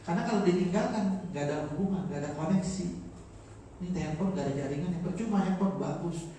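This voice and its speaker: A man's voice: high voice, quick pace, warm tone, distant mic, slight background noise. A man with a Betawi accent giving a joking, informal morning sermon, explaining Arabic phrases. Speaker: religious teacher. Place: large mosque hall. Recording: echoey mosque, mic from afar.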